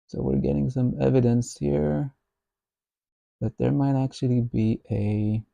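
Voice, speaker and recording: A man thinking aloud while he codes, musing slowly and half to himself. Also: medium pitch, steady tone, creaky, mellow, dry recording, dull audio. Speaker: software developer.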